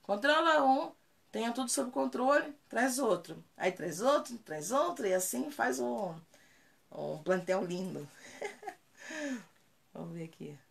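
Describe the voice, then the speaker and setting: A woman's voice: on the high side, expressive, takes it slowly, creaky, pauses often. A woman dog trainer talking casually in a live Q&A, answering viewer comments and repeating key points for emphasis.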